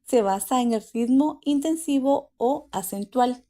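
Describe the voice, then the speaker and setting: A woman presenting a read-aloud lesson summary on verse, reading definitions and lists in a steady way. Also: high-pitched, unhurried. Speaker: student presenter.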